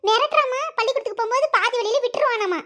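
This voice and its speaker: A woman's voice: very high-pitched, rapid-fire, sharp tone. A woman voicing a stubborn, whiny little sister in a cartoon who complains to her mother. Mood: whining. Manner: whining, complaining. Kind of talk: cartoon voice acting.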